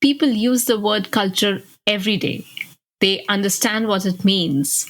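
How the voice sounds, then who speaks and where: A woman from India co-hosts a podcast, her voice at a middle pitch. She sounds engaged and curious as she adds her own view. She speaks in a conversational way. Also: unhurried, a bit bright, poor audio. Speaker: podcast co-host.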